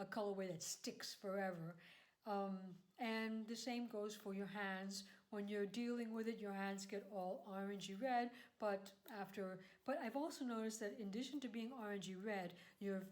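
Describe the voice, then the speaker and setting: A woman's voice: mid-range voice, darkish tone. Chatty woman hosting a home vlog. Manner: chatty, rambling with self-corrections. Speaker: craft podcast host. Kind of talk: casual vlog chat.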